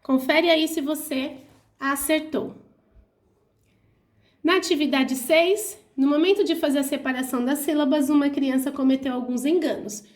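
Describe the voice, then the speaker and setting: A young adult woman teacher with a Brazilian Portuguese accent, slowly and clearly explaining workbook answers to her pupils. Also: high-pitched, steady tone. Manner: slow, clear, didactic, spelling out syllables. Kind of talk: reading and explaining a school workbook.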